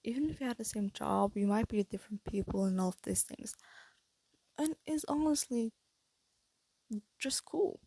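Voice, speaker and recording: A teenage girl rambling in a casual vlog with a breathy voice and a stuffy nose, talking through retainers and hesitating often as she thinks aloud into a close phone mic. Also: a little high, lively intonation, moderate pace, pauses often, dark tone, dry recording. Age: teens. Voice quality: breathy, slight lisp from wearing retainers. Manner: hesitant, thinking aloud with many fillers and restarts. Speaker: vlogger. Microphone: phone held close.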